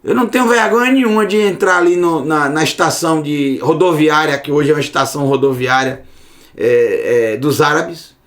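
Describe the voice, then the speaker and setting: A man's voice: on the high side, moderate pace, a bit bright. A man giving a casual online Hebrew lesson, repeating words to drill their sound. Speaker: Hebrew teacher.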